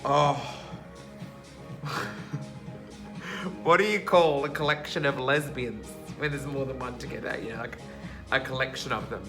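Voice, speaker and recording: A man's voice: medium pitch, unhurried, pauses often, over music. A man with an Australian accent performing as a drag queen, sending a camp, joking video greeting. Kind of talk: personal video message.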